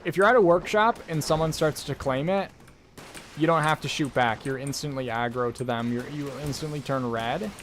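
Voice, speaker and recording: A man's voice: a little high, normal speed, a bit bright, a little hiss or hum. A man streaming a game live, rambling casually and reacting to his chat with loose jokes. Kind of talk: casual live gameplay commentary.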